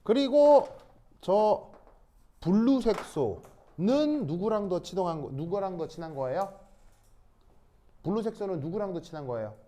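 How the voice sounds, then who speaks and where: A male chemistry teacher lecturing to a class with a high, lively voice that swoops up and down. He talks casually and keeps asking his students whether they follow, now and then slipping in English words. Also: measured pace, pauses often. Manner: checks understanding with repeated questions.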